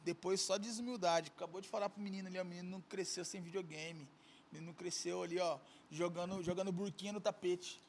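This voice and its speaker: A teenage Brazilian man hosting a podcast in a jokey, loud manner, often repeating his own phrases. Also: sits high, steady tone, quick pace, slight background noise. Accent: Brazilian Portuguese. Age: teens. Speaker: podcast host. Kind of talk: casual chat.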